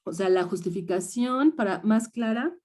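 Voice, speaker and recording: A woman's voice: mid-range voice, moderate pace, darkish tone. A woman with a Mexican Spanish accent teaching a research seminar, explaining step by step and checking in often with her students. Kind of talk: lecture to students.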